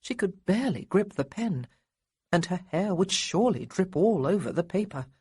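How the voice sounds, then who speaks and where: Audiobook narrator, woman, breathy and low, animated delivery. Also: moderate pace. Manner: expressive storytelling. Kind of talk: scripted narration.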